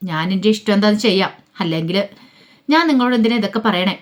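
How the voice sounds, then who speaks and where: Give me a defiant young wife snapping back quickly, read by a woman storyteller. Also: mid-range voice, lightly acted. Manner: sharp, defiant retorts.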